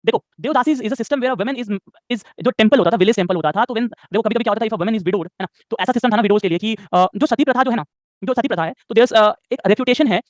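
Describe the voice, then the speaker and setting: Young male history teacher, high voice, dry close sound, Hindi-lecture, keeps asking if it's clear. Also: quick pace, no room sound. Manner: Hindi-English code-switching, asks "clear?" often; self-corrects pronunciation, restarts words. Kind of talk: live online class lecture.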